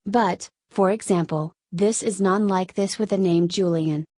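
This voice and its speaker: A Spanish woman, a native Spanish speaker, explaining Korean grammar in English with a Spanish accent, in steady step-by-step scripted narration. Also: mid-range voice, measured pace, no room sound. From Spain. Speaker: Korean language teacher.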